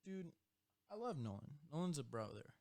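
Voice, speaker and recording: A young man co-hosts a podcast, telling stories in a laid-back, casual way and laughing often. His voice is fairly high and a little mellow, with big pitch swings at a moderate pace, and there is no echo.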